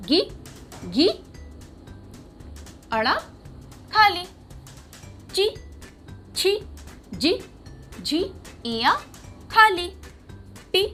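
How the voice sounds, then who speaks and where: A woman's voice: very high voice, a bit bright. A woman teaching young children a writing lesson, patiently asking a question and repeating each sound.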